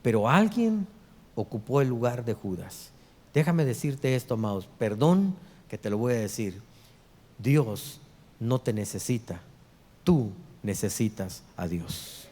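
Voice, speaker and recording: A middle-aged man, a pastor preaching a sermon, dropping to hushed low lines and rising for loud quoted voices. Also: big pitch swings, a little slow. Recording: long hall reverb.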